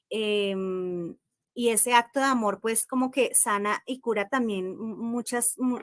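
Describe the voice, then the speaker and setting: A Colombian woman speaking as a guest in a live-stream discussion, reflective and measured, with many pauses over a video call. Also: fairly high pitch, dry recording, studio quality. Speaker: panel guest.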